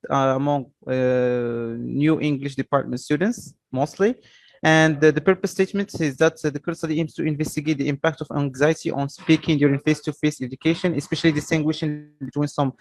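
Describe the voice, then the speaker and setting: A young man giving an academic presentation as a student, in a hesitant, halting manner with repeated words. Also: fairly high pitch, no echo.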